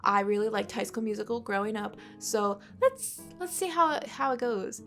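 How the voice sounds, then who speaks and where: Sketching at home, a congested art vlogger in her twenties chats and rambles, swearing often, into a USB desk microphone. Her voice is a little high and a bit bright, with lively intonation at normal speed, and faint music plays behind her.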